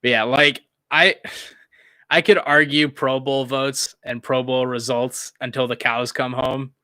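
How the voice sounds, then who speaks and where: A man's voice: medium pitch, steady tone, measured pace, sharp tone, no room sound. A young man doing casual live play-by-play of a football game, rambling and chuckling as he answers chat between plays. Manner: rambling, laughs often, reads chat aloud.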